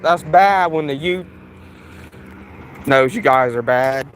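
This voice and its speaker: A man's voice: a little high, slow, a little hiss or hum, rough recording. A man vlogging outdoors on a hot day, sweating and talking in a casual, repetitive ramble full of restarts. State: sweating in the heat. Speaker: vlogger filming police in his town.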